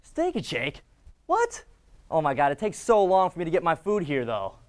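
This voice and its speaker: A man's voice: a little high, huge pitch swings, moderate pace. A young man playing a hungry customer in a comedy sketch, with exaggerated exclamations.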